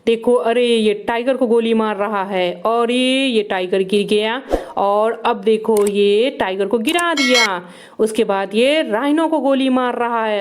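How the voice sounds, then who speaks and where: High-pitched, excitable woman narrator. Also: smooth. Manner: animated, exclamatory, repeats words in bursts. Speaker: toy video narrator. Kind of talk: excited narration of toy play for kids.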